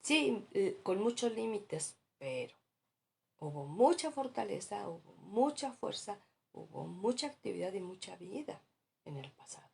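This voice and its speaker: A woman's voice: medium pitch, sing-song, a little slow, vocal fry, a little mellow, breathy edge. A woman pastor preaching a sermon in an earnest, exhorting way, at times dropping to a near-whisper.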